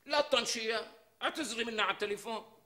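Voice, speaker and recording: A man's voice: extremely high pitch, very fast, sharp tone, roomy sound. An actor playing a browbeaten middle-aged husband with a Damascene Syrian accent, who rants bold speeches when he is alone in a TV sitcom. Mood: defensive. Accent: Damascene Syrian Arabic. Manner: rehearses bold speeches, mocking and ranting. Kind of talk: TV sitcom acting.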